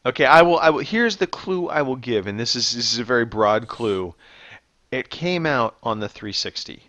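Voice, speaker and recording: A man's voice: medium pitch, expressive, normal speed, bright, forceful tone, no echo. A man hosting a casual gaming podcast, running a quiz in a playful, teasing way.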